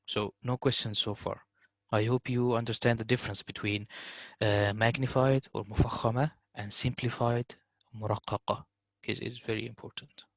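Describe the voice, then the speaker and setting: A man teaching a tajweed lesson, slowly repeating words to show correct pronunciation. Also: mid-range voice, fairly even intonation, no room sound. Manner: explains slowly, repeating words in Arabic recitation. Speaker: Quran recitation teacher.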